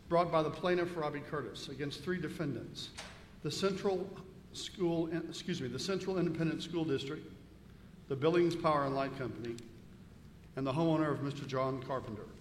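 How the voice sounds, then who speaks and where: Man presiding as judge in an echoey hall. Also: a little high. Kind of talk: formal scripted jury instructions. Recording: echoey reverberant hall with faint noise.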